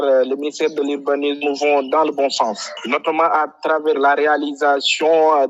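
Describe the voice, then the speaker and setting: Man, hesitant and halting, many fillers, bright clear tone, slightly high voice. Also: muffled recording, slight background noise. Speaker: flood prevention activist, guest. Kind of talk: radio interview answers.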